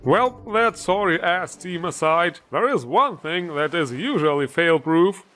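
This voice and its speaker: A man with a slightly high voice delivers a sarcastic video game review. He sounds sardonic and exasperated and swears freely. Music plays faintly behind him. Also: lively intonation, measured pace, fairly bright tone. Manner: sardonic, exasperated, foul-mouthed. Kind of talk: sarcastic scripted review narration.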